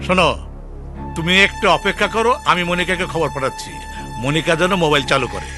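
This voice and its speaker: A man's voice: fairly high pitch, fairly quick, lightly acted. A middle-aged man playing a stern, irritable head of household in a film, curt and commanding. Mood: firm. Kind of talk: film dialogue. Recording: loud film music behind the voice.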